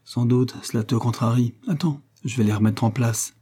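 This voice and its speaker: A man's voice: medium pitch, steady tone, moderate pace, warm tone, breathy edge, natural voice. A man playing a doting, blustering rich father in an audiobook, coaxing with forced jovial cheer.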